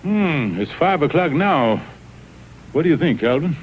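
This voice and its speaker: A man's voice: on the high side, very animated, unhurried, slight background noise. A man voicing a pompous, sputtering, scheming old colonel in a cartoon, with a Southern US accent and blustering delivery. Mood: sly, blustering. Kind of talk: 1960s TV cartoon comedy acting. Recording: muffled vintage TV soundtrack with music.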